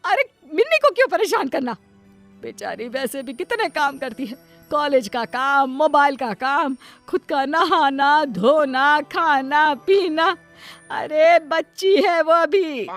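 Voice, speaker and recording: A woman voicing a doting, long-suffering middle-aged mother in a cartoon story. She talks in a plaintive, pleading, soft-hearted way. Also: high-pitched, animated, slow, soft background music, exaggerated voice. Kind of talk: Hindi cartoon voice acting.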